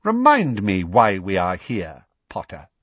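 A man voicing a cold, sneering male teacher who speaks in a low, dangerous, clipped voice. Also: wildly swooping pitch, unhurried, a bit bright, slightly rough, dry recording, exaggerated voice. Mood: menacing.

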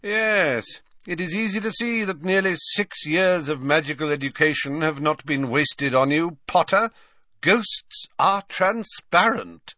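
A man's voice: medium pitch, very animated, a little slow, sharp tone, no echo, clean studio sound, pitched above the performer's own voice. A man voicing a cold, sneering male teacher with a bored, mocking drawl.

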